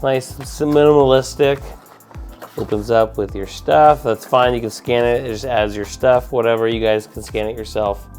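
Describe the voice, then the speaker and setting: A man's voice: lowish voice, a little mellow. A man hosting a casual tech vlog, sick and slightly muffled, talking in a rambling, informal, enthusiastic way. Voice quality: muffled, congested. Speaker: tech video host.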